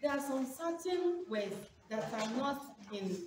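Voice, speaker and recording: A woman's voice: high voice, animated, unhurried, a little mellow. A woman with a Nigerian accent asking an enthusiastic, repetitive question at a university workshop. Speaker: workshop participant. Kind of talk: audience question. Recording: echoey hall, distant mic, noise.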